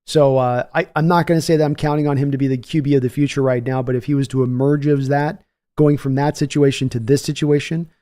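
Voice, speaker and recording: A man's voice: mid-range voice, mellow. Rambling man hosting a sports stream. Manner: rambling, frequent ums and restarts, conversational. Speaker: sports channel host. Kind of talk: livestream chat reading viewer comments.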